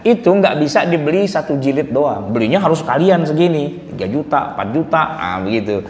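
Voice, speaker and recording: A man's voice: a little high, lively intonation, a little fast, darkish tone. A man giving a morning study lecture in a mosque, talking in a casual, joking way to the congregation and acting out the people in his examples. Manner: conversational and humorous, quotes people in acted voices. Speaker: Islamic preacher. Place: large mosque hall. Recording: echoey mosque hall with faint noise.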